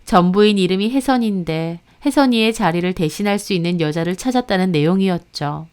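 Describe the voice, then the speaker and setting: A woman storyteller reading a scripted story in a steady, even manner. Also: medium pitch, fairly quick, smooth.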